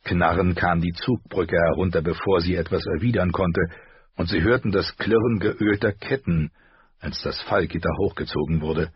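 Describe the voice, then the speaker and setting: Husky, low-voiced male audiobook narrator. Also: normal speed, dry recording. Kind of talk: scripted narration. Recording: slightly dull, dry audio.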